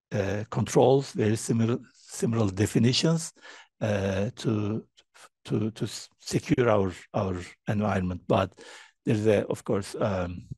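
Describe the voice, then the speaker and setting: A middle-aged man presents a keynote over a video call, feeling his way through each sentence with fillers and restarts. His voice sits low and slightly husky. The sound is close and dry. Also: darkish tone, dry recording. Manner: hesitant, many fillers and repeated words. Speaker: keynote speaker. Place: indoor room, presenting remotely. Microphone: video call webcam.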